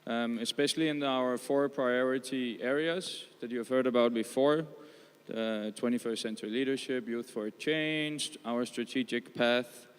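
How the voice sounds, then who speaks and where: Young man, smooth voice, hall echo. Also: medium pitch. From Netherlands. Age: young adult. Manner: measured, with fillers. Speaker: youth advisor. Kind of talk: panel talk. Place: large conference hall. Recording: echoey conference hall.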